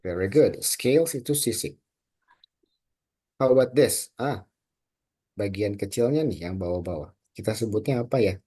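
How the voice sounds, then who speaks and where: A man's voice: lowish voice, lively intonation, normal speed, pauses often, mellow, breathy edge. A male teacher with an Indonesian accent, leading a children's vocabulary lesson and drilling words for the class to repeat. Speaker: English teacher.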